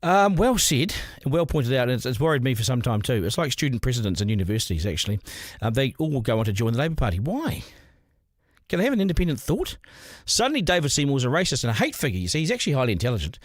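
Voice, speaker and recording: A man's voice: mid-range voice, big pitch swings, fast, no echo, studio quality. A man, hosting a podcast with a blunt, opinionated monologue. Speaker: podcast host.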